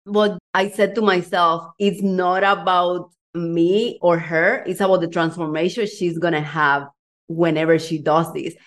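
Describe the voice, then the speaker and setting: A woman's voice: fairly low pitch, steady tone, a little slow. A woman hosting a podcast interview, an emotional and effusive talker who leans on "like" and shares her own coaching story. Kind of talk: casual interview chat.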